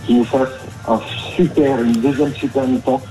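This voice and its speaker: A man's voice: mid-range voice, steady tone, normal speed, over loud music, poor audio. Hesitant male radio caller. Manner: nervy, full of hesitations. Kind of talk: radio phone-in chat.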